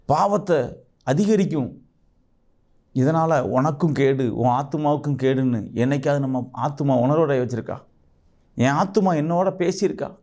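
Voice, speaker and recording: A man's voice: a little high, mellow. A male pastor, preaching a fervent sermon full of repeated rhetorical questions. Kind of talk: sermon with prayer.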